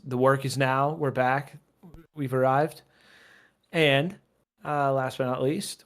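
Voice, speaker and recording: A man hosting a casual podcast, upbeat and teasing. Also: mid-range voice. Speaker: podcast host. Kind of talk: casual chat.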